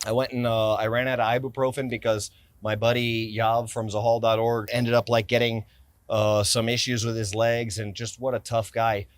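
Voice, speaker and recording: An American man in his forties with a mid-range voice sits on a stone ledge in a city park, talking casually about his everyday carry gear. He owns a gear company and vlogs, rambling, cutting himself off and restarting with obvious enthusiasm. The dry audio comes from a camera on a tripod a few feet away, plus handheld close-ups.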